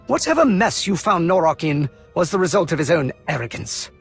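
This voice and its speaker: An actor gives a full character voice as a proud, idealistic Imperial colonel in a video game, defending himself in formal, earnest, impassioned speech. His voice is on the high side, brisk, sing-song and slightly rough, with faint music behind, and the mood is impassioned and defensive.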